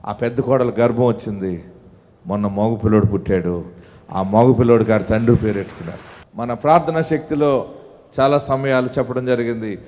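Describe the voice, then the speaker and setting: A man's voice: medium pitch, fairly quick, warm tone. A male pastor preaching a sermon, his delivery rising to pleading intensity. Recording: long hall reverb.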